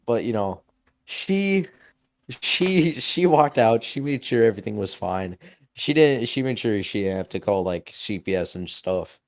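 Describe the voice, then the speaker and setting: Podcast co-host, young man, casual storyteller with a lively, swooping delivery at an unhurried pace. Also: fairly low pitch. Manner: animated, acts out voices in anecdotes.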